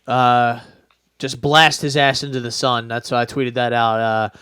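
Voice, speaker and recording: A man's voice: medium pitch, little pitch movement, unhurried, bright, forceful tone, smooth, no echo, clean studio sound. A young man co-hosting a casual sports podcast, laid-back and rambling with lots of fillers. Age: young adult. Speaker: podcast co-host.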